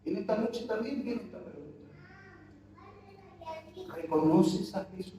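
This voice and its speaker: A man's voice: high voice, measured pace, warm tone, a little hiss or hum. A man preaching a sermon, impassioned and full of rhetorical questions to the congregation, recorded in a church. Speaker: pastor. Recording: very echoey church hall, mic far off.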